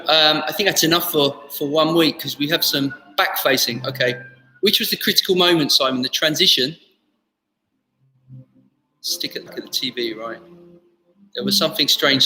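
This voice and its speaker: A man with a medium-pitched, sharp-toned voice leads a live online tai chi class, giving step-by-step instructions and chatting casually. He's reassuring and informal, repeating his words often, in an echoey room with faint music.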